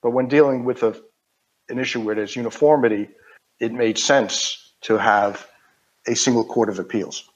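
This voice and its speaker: An older man from New York with a Queens accent, explaining technical matters informally as a guest, haltingly and with digressions. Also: mid-range voice, steady tone, husky. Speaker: interview guest. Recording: dull, band-limited audio.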